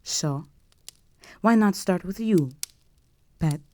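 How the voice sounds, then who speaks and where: A woman with a lowish, darkish, expressive voice speaks at a slow pace as a regal vampire countess who is possessive of the listener. Her intimate roleplay delivery is formal, imperious, and seductive, with a commanding, persuasive mood.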